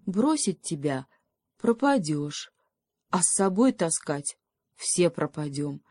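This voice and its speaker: A woman's voice: on the low side, big pitch swings, slow pace, dark tone, no room sound, clean studio sound, heavily acted. Woman voicing a sensible, fretting hedgehog. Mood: pondering. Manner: thoughtful, reasoning, sighing.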